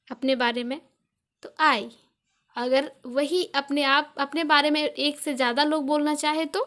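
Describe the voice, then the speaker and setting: Speaking with an Indian accent, a young woman teaching English online walks through grammar slowly and patiently. Her voice is high with a fairly bright tone, and she repeats each point in different ways using everyday examples.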